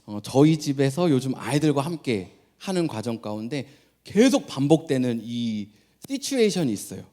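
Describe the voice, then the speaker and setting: A middle-aged pastor with a mid-range, mellow, sing-song voice speaks at a normal pace as he leads a prayer and then preaches a sermon. He tells family stories, playfully acts out his children's voices and laughs often.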